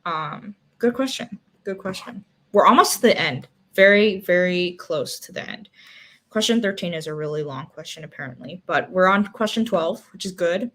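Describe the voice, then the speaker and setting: A woman's voice: on the low side, normal speed, fairly bright tone. A young woman hosting a book club video, talking through discussion questions in a casual, thinking-aloud way with many fillers and restarts. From Singapore.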